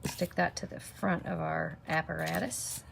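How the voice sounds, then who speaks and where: A chatty woman with a gravelly, low voice and a steady tone demonstrates stamping crafts in a live tutorial, speaking a little slowly. She sniffles from a minor cold, explains each step, and talks to viewers by name, recorded on a camera mic at her desk with noticeable background noise.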